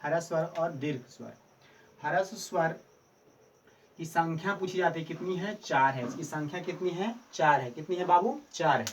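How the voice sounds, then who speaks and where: A man's voice: sits high, a little hiss or hum. Man drilling students, far from the mic. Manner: asks questions then answers them himself; repeats key answers for drilling. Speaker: teacher. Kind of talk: Hindi grammar lesson for board exam students.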